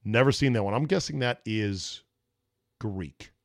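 A man's voice: on the low side, measured pace, no echo, studio quality. A man in his fifties hosting a podcast, talking in a laid-back, freewheeling way and reading aloud. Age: 50s. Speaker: podcast and sports radio host. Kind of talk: freewheeling solo podcast talk, reading listener emails.

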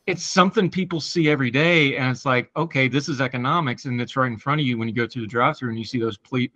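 Fast-talking man with an Appalachian hillbilly accent. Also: medium pitch, bright, forceful tone, no echo, muffled recording. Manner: folksy. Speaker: talk show host. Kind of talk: casual interview chat.

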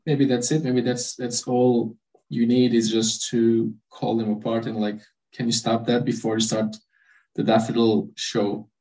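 A podcast host giving relaxed opinions in a casual interview, repeating phrases. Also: mid-range voice, unhurried, rough recording.

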